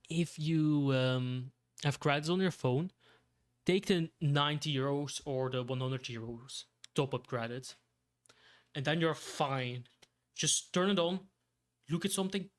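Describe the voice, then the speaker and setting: Man, from Belgium, streamer, casual rambling chat, unhurried. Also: fairly high pitch. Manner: rambling, laughs often, repeats himself.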